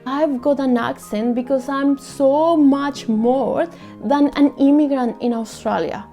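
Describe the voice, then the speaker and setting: Her voice sits high over soft background music as this young vlogger from Colombia talks in English, her Colombian Spanish accent clear. The monologue is personal, heartfelt and earnest, delivered in a soft, measured way.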